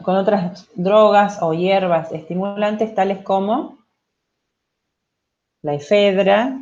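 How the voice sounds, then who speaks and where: Slow patient Spanish-speaking woman teacher. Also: medium pitch, a little mellow, highs cut off. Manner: slow, patient, asks for checks with "¿sí?" and "¿ok?". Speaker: English teacher. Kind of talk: online class explanation.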